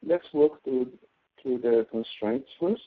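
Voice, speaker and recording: A man with a medium-pitched voice talks slowly as he teaches an online class as a professor. It is an informal tutoring walkthrough, explained step by step with frequent check-ins of "okay?", and the recording has a thin, phone-like quality.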